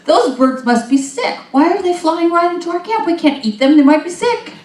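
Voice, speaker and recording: A crowd of frightened desert wanderers whines and wails in a high, shrill pitch, put on by a woman preacher. They gripe loudly in a sermon voice. The sound rings in an echoey room. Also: lively intonation, normal speed. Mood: suspicious. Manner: shrill, wailing, complaining. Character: panicky whining wandering Israelites, mixed crowd.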